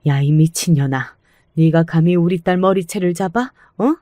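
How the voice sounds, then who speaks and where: A woman's voice: lowish voice, moderate pace, dark tone, dry recording, clean studio sound, natural voice. A woman voicing a fierce, protective older mother in a radio-style story, with mocking, cutting retorts. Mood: scornful.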